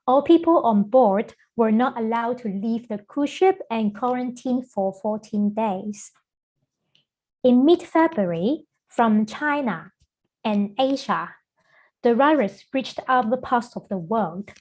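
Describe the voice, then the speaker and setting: A middle-aged woman from Hong Kong, a guest lecturer, giving an online lecture over a video call in a measured way with frequent fillers. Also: on the high side, lively intonation, darkish tone.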